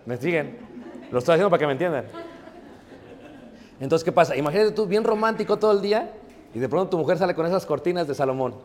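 A man with a Mexican accent preaching a sermon, conversational and lively, often asking the congregation questions. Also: a little high, quick pace, pauses often, a faint crowd. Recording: long hall reverb.

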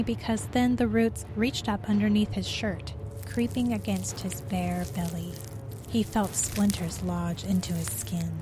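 Steady woman storyteller reading aloud. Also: medium pitch. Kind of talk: scripted story narration.

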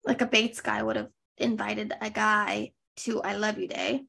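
Snarky gravelly-voiced woman podcaster. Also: medium pitch, steady tone, measured pace, sharp tone. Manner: snarky, rambling, heavy use of "like". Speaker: podcast co-host. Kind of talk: casual recap chat.

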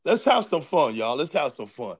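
A man's voice: on the high side, very animated, normal speed, husky. A man being interviewed as a guest on a livestream, talking from a workshop where his voice echoes around the room. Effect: room echo from a shop space.

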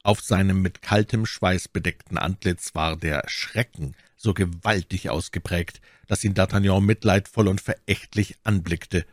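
A man narrating a classic adventure novel as an audiobook, in a measured, dramatic way. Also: low voice, fairly even intonation, dry recording, studio quality.

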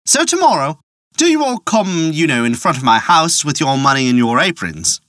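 A storyteller playing a boastful young man in a folk tale, exclaiming in a high, excited way. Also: moderate pace, no room sound, studio quality. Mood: commanding.

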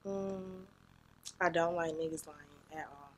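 Young woman, podcast chat, slow unhurried delivery, blunt, hesitant, swears a lot. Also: deep voice, fairly even intonation. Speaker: podcast guest co-host.

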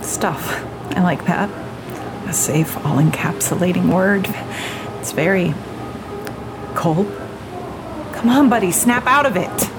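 A woman's voice: fairly low pitch, slow pace, long pauses, noisy background. An actress playing a sardonic, weary, frazzled woman adventurer in an audio drama. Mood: wry. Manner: wry, weary, sarcastic.

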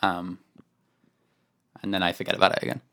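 A man's voice: deep voice, monotone, a little fast, vocal fry, a bit bright. A man co-hosting a podcast from home, chatting casually about a game in a rambling, wry way, often correcting himself. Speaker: podcast co-host. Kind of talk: casual chat.

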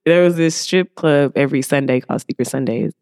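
A woman's voice: a bass voice, fairly quick, darkish tone, no room sound, clean studio sound. An American woman from Oakland with a Bay Area accent, chatting casually and slangily as a podcast guest. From Oakland, California. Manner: laid-back, slangy. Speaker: podcast guest, music artist. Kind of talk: casual chat.

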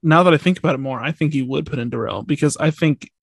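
A man's voice: on the high side, quick pace, creaky, breathy edge, no room sound. A young man co-hosting a casual podcast chat, hedging and restarting his thoughts with lots of "like". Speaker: podcast co-host.

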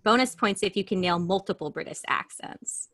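A woman's voice: mid-range voice, lively intonation, moderate pace, fairly bright tone, dry recording, studio quality. A woman co-hosting a casual podcast chat, blunt and profane, reading items from a list and laughing often. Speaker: podcast co-host.

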